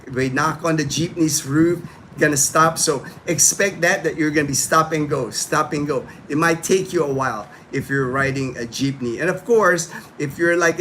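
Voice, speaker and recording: A man's voice: a little high, fairly bright tone, a little hiss or hum. A man from Manila hosting a casual livestream. He rambles, pads his talk with fillers and restarts, and breaks off to answer viewers' comments. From Philippines (Manila). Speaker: livestream host.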